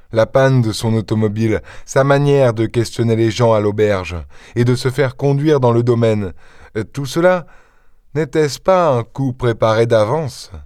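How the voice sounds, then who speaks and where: A man narrating a classic novel as an audiobook reader, in measured storytelling. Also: medium pitch, darkish tone, no echo, studio quality. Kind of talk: scripted narration.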